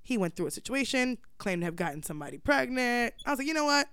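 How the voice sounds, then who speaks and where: A woman's voice: fairly high pitch, very animated, quick pace, a bit bright, clear, resonant tone. A young woman in her twenties co-hosting a podcast, telling a story in casual chat and acting out the dialogue, blunt and profane.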